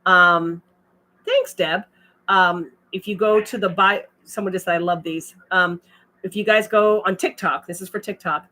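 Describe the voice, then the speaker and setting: A woman's voice: on the low side, steady tone, measured pace, pushed and bright. A woman hosting a casual livestream, chatting and reading viewer comments aloud with frequent laughs. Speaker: livestream host.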